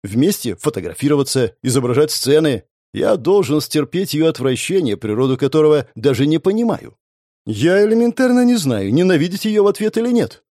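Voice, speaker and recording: A man narrating a first-person story in an expressive, sardonic way. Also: on the high side, brisk, no room sound, studio quality. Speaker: audiobook narrator.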